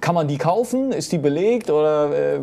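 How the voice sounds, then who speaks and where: A man hosts a casual studio talk show, a bit higher than most men and with a noticeable gravelly edge. He chats playfully and fills his questions with lots of small hesitations. A faint hiss sits under his voice. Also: lively intonation, moderate pace, mellow. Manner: chatty and playful, many fillers.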